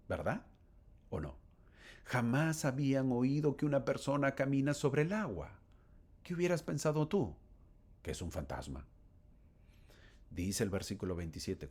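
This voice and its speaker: A man teaching a scripture lesson in a lively, swooping voice with a husky edge. He talks straight to the listener as a friend and keeps posing rhetorical questions. His voice sits fairly low. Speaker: gospel teacher.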